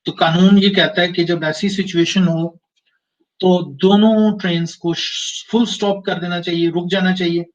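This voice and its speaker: A man giving a recorded university lecture, explaining slowly and repeating phrases to make his point. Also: high voice, steady tone, far from the mic, highs cut off.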